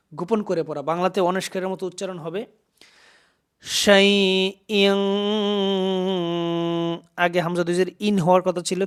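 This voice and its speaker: A man teaches Quran reading in a smooth, resonant, fairly high voice. He spells out syllables, draws the verses out in slow chant, then explains the rules quickly.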